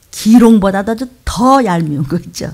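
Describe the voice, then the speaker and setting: A woman pastor preaching a sermon with emphatic delivery, jumping from loud exclamations to hushed whispers. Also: mid-range voice.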